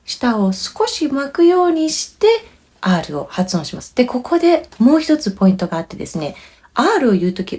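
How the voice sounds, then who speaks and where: A woman with a Japanese accent giving a bilingual pronunciation lesson, explaining clearly and patiently and demonstrating words. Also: on the high side, a little mellow. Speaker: language teacher.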